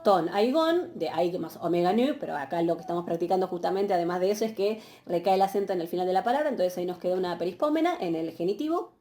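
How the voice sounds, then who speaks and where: A woman giving a patient, explanatory university lecture, often pausing on fillers and checking questions. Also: fairly low pitch, mellow. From Argentina. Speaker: university Greek teacher. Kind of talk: recorded online lecture.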